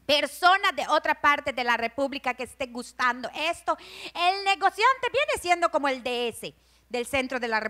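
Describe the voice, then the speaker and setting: Bright, high-voiced Yucatecan woman comic. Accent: Yucatecan Spanish. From Yucatán, Mexico. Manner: animated storytelling, acts out gossiping neighbors and scolding mothers. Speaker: stand-up comedian. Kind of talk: stand-up comedy monologue.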